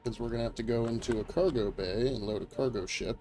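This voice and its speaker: A man's voice: medium pitch, fast, a little mellow, soft background music. A man talking casually with friends while playing a video game. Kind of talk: casual gameplay chat with friends.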